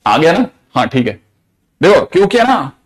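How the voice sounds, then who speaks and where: A man teaching a math class in a lively, teasing way, often repeating questions to get students to answer. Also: a little high, moderate pace.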